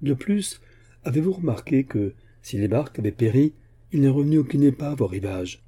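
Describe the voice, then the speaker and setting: A man reading a novel aloud, voicing a blunt, hearty giant of an old musketeer who talks loud and insistent. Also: medium pitch, animated, normal speed, slightly rough, pitched above the performer's own voice. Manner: loud, insistent, plain-spoken.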